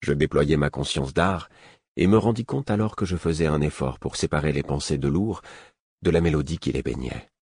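A man narrates a first-person fantasy novel in a very low, husky voice. His delivery is measured and even. The close, dry recording has no room sound. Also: no room sound. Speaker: audiobook narrator.

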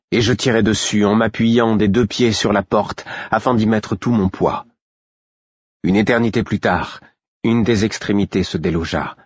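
A man narrating a first-person audiobook in a steady, measured way. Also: fairly low pitch, husky, no room sound, dull audio.

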